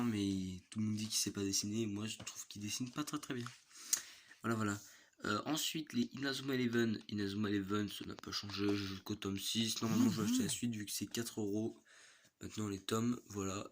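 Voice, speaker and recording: A young man with a congested, blocked-nose sound from a cold, chatting casually as he shows his manga collection in a vlog. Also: on the low side. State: has a cold with a stuffy nose. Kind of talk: casual vlog chat, rambling collection tour. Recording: noisy amateur home recording with clicks.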